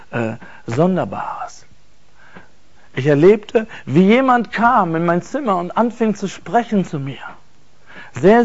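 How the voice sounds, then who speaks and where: Intense high-voiced man, lo-fi testimony. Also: darkish tone. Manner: intense, emphatic, repeats words for stress. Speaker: speaker giving a personal testimony. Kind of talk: earnest personal testimony. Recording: dull lo-fi recording.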